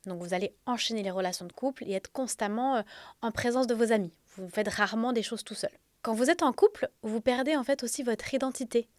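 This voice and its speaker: A woman's voice: a little high, no echo, clean studio sound. A woman hosting a self-help episode, explaining directly and conversationally in a slightly throaty voice, with a sore, swollen throat from tonsillitis. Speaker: podcast host. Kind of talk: spoken self-help episode addressed to listeners.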